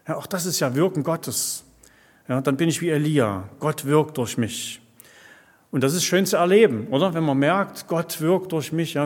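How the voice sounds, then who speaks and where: Preacher in a reverberant church hall. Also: male voice, on the high side. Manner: peppers speech with tag questions like "ja" and "ne". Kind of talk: conversational sermon. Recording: long reverb of a large hall.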